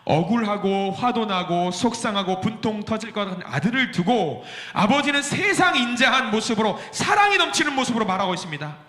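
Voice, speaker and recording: A male pastor preaching a sermon in a church, acting out the voices in his text, swinging between loud outbursts and soft, almost whispered lines. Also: high voice, big pitch swings, fairly quick, few pauses. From South Korea. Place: church sanctuary. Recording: echoey church hall.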